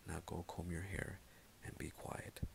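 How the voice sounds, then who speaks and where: A man voicing a cruel, bossy old witch in a bedtime story, with a very deep, gravelly voice. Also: level tone, measured pace, slight background noise, heavily acted. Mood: cold scolding. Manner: cold, bossy commands.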